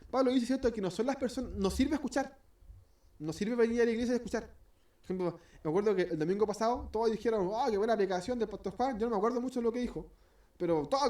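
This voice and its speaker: A man's voice: sits high, a little mellow. A man with a Chilean accent teaching an informal Bible study, chatty and self-correcting, acting out everyday scenes as examples. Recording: voice distant from the mic.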